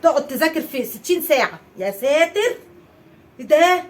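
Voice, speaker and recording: A woman with an Egyptian accent playing a loud, sarcastic wife in a comedy sketch, ranting in rapid bursts. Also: sits high, animated. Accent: Egyptian Arabic.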